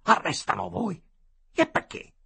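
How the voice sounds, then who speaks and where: A man's voice: unhurried, pushed and bright, dry recording. A man reading a story aloud, voicing a blunt, loyal old veteran who asks insistent questions.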